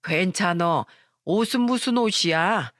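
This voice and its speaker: A woman voicing an older mother-in-law with an unhurried, homely way of talking in a radio story. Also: lowish voice, animated, a bit bright, no room sound, studio quality. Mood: easygoing. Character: older mother-in-law, easygoing then firm.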